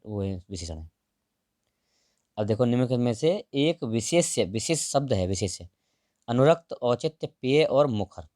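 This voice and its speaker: A male teacher walks through test answers in a mellow, darker voice. He repeats key words and lets his lines sink to a quiet murmur. The sound is dry and close, with no room around it. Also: no room sound. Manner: repeats key words, drops to a low murmur at line ends. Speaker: exam-prep teacher.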